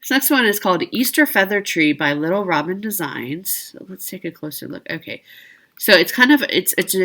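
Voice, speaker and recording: A woman's voice: low voice, fairly bright tone. A woman casually presenting products as a video host, chatty and informal, often correcting herself and adding asides. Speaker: host of a needlework shopping video. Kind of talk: casual product showcase narration.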